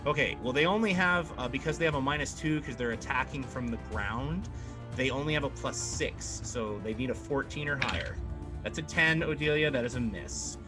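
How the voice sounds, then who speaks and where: A man acts as game master at a tabletop game. He talks through rules conversationally and draws out dramatic descriptions at a middling pitch, with music clearly playing behind him. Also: fairly quick.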